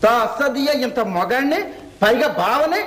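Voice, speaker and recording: A man's voice: very high voice, animated, normal speed, fairly bright tone. An actor playing a cheeky bachelor who mocks his aunt and breaks into stagey, old-fashioned declamation. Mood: mocking. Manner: mock-theatrical, bursting into stagey old-style verse. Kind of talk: film comedy scene.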